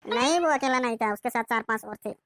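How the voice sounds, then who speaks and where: A woman's voice: a little high, quick pace, fairly bright tone, no room sound, close to an everyday voice. A woman voicing a boastful young schoolboy in a cartoon who brags about fighting lions. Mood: bragging. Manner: bragging, swaggering. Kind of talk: cartoon voice acting.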